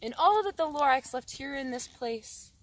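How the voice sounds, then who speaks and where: A woman reciting a rhyming children's story by rote in a theatrical, expressive storytelling manner. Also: sits high, moderate pace.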